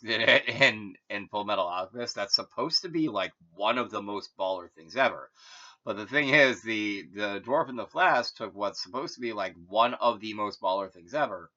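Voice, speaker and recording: Low-ish guy rambling on his own, lots of like and uh, bright forceful tone, dull lo-fi audio. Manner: meandering, full of "like" and "uh", casual. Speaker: host. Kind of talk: rambling solo monologue. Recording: dull lo-fi recording.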